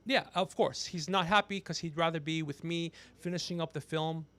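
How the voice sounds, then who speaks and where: Swearing without restraint, a brash man of Persian background in his fifties rants casually as host of a livestream. He speaks at a moderate pace with a fairly high, sharp-toned voice.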